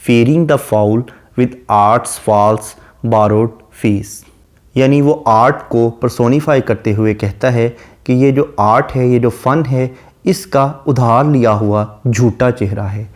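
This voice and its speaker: Mellow-voiced man lecturing on a poem. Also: mid-range voice. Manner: explains each line in Urdu-flavoured Hindi, reciting English verse slowly. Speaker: literature lecturer. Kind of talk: classroom lecture explaining a poem.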